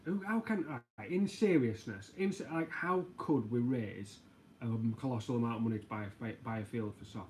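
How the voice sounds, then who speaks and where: A man's voice: medium pitch, a little fast, slight background noise. A man hosting a casual livestream, rambling, joking and reading out viewer comments. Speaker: livestream host. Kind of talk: casual live chat.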